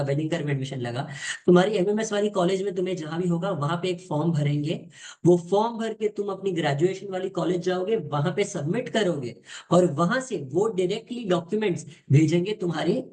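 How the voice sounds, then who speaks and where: A man's voice: high voice, mellow. A young man, giving an informal, direct lesson to viewers and switching between Hindi and as he explains. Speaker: exam coaching tutor.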